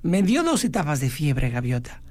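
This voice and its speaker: A woman's voice: low voice, sing-song, moderate pace, dark tone. Woman doing Sopi, a rambling male vulture. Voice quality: full of hesitant fillers. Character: male vulture, chatty and hesitant. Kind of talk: children's radio character show.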